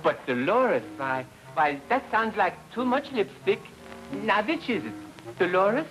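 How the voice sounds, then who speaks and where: A gentle, fussy elephant keeper. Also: male voice, high-pitched, expressive, measured pace, rough recording. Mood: coaxing. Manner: soft, coaxing and fussy. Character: gentle, sweet-natured man doting on his elephant. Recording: 1940s film soundtrack with music.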